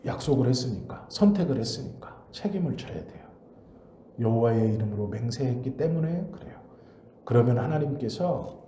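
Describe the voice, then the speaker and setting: A male pastor delivers a midweek sermon, pressing his points with rhetorical questions. His pitch swings widely and his tone is deep and mellow. The recording has a roomy echo and a faint ambient hum behind it. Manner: emphatic preaching with rhetorical questions. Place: church sanctuary.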